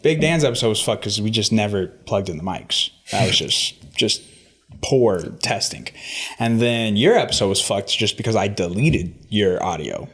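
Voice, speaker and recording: A man hosts a podcast with a very lively, animated pitch. His talk is loose, profane and full of laughter, bro to bro. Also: moderate pace. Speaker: podcast host. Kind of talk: casual interview chat.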